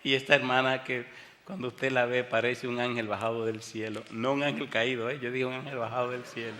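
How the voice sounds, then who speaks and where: A male pastor preaching a sermon, firing rhetorical questions at his congregation and swinging between booming emphasis and hushed storytelling. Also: level tone, a little fast, a little hiss or hum. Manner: rhetorical call-and-response questions. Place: church sanctuary during a televised service. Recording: long hall reverb.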